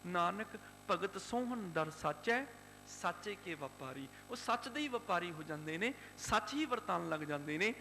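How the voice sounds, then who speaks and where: A fervent male Sikh preacher from Punjab, India, telling a religious story with rhythmic emphasis. His voice is high and bright. He is recorded with the long reverb of a large prayer hall and a faint hum behind him. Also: expressive, unhurried, faint music behind.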